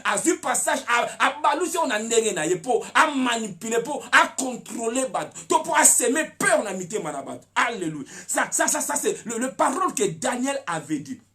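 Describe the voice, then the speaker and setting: Pasteur prêcheur à la voix très animée. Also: male voice, extremely high pitch, sing-song, normal speed, few pauses, soft background music. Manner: preaching with shouted peaks and many repeated words. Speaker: pastor. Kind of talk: sermon.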